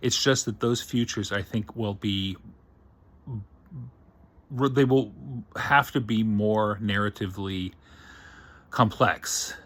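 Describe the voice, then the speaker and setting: A science fiction writer thinking aloud in a casual, digressive monologue. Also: male voice, lowish voice, slow pace, pauses often, fairly bright tone.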